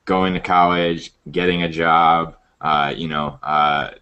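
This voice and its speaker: A man's voice: low-pitched, a bit bright. A man hosting a casual online interview, talking with many fillers and restarts. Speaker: interview host.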